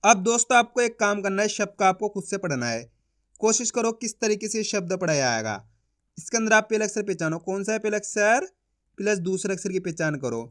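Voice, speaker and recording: A man teaching children to read, sounding out each syllable and then saying the whole word louder, speaking to viewers as friends. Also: high-pitched, animated, fairly quick. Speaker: Hindi reading teacher. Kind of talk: slow phonics lesson.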